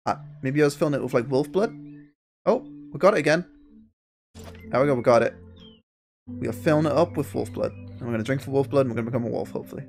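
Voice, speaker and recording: A man's voice: mid-range voice, quick pace, gravelly, pauses often, a little mellow, faint music behind. A man giving rambling, profane, laid-back commentary as he plays a video game, talking into a gaming headset at home. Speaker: gaming streamer. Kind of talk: casual let's-play commentary.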